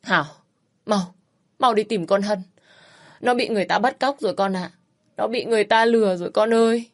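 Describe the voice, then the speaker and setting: A woman's voice: medium pitch, brisk, pitched above the performer's own voice, close to an everyday voice. A woman voicing a grieving older mother who pleads and cries out, in a storybook reading. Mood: desperate. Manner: pleading, crying out. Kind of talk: storybook narration.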